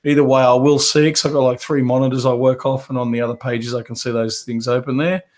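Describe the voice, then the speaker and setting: A man's voice: mid-range voice, level tone, fast, very noisy. A man with a head cold and a fading voice, rambling casually through a live webinar Q&A from his home office. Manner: casual, rambling, with many fillers and restarts. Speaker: carpet cleaning business coach.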